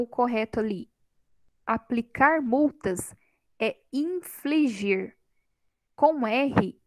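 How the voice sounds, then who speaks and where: A woman teacher leads a classroom grammar lesson on a microphone. Her voice sits somewhat high and moves at an unhurried pace. The sound is dry, and she keeps quizzing her students with a light teasing touch. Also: no echo, low-quality recording. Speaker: Portuguese teacher.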